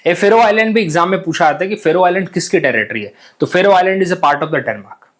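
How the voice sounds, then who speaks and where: With a high-pitched, fairly bright voice, lively intonation and a brisk pace, a young man teaches an exam-prep map lesson. His casual style is talkative, full of repeated phrases and sprinkled with English words.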